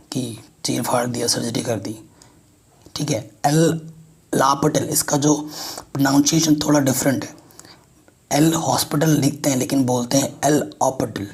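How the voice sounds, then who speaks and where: A man gives a math lesson at a board. He explains step by step and keeps checking that students follow. His voice is husky and noticeably rough. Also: medium pitch, a little mellow. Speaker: math teacher.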